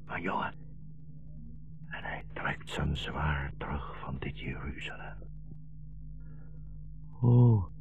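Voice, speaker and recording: This heavily acted 1960s radio play features an aged, blind rabbi on his deathbed, seeing visions. The older speaker's voice is low and full of gravel, slow and gently solemn like a father, and the vintage broadcast sound is muffled and narrow.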